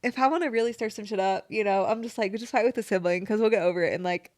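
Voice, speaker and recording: A young woman co-hosting a podcast in casual chat, filling her talk with "like" and quick laughs. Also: medium pitch, no room sound, clean studio sound. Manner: chatty, says "like" constantly, quick laughs. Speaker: podcast co-host.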